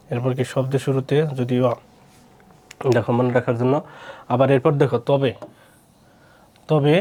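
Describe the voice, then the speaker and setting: A man's voice: medium pitch, warm tone. A man from Bangladesh teaching pronunciation rules, repeating himself and asking questions he answers himself. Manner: repetitive, asks and answers his own questions. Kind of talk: spoken lesson on pronunciation rules.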